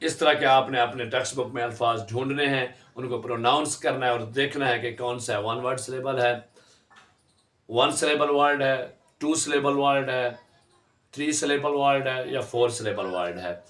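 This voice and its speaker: A man teaching a lesson on English syllables, stretching each example word out slowly as he drills pronunciation. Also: medium pitch, steady tone, a bit bright, roomy sound.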